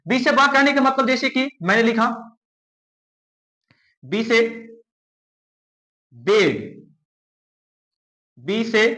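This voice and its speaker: A man teaching English phonics who slowly repeats each word and asks and answers his own questions. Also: very high voice, sharp tone, echoey room, poor audio. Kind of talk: classroom-style phonics lesson.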